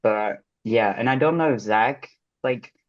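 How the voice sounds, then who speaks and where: A man's voice: medium pitch, measured pace, no room sound, muffled recording. A young man with a French accent, a podcast co-host telling a story in casual, rambling chat full of fillers. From France.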